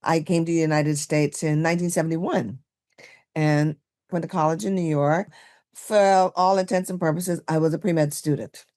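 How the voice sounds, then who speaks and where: A woman's voice: low voice, moderate pace. Chatty woman from Barbados, sixties. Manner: chatty, animated storytelling with fillers and laughs. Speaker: guest, makeup artist. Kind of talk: podcast interview.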